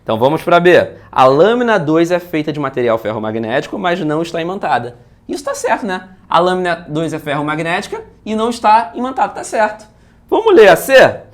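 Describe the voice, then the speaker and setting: Lively Brazilian man teaching physics. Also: on the high side, brisk. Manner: lively, chatty, keeps asking "beleza?" and "né?". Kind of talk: video lesson solving exam questions.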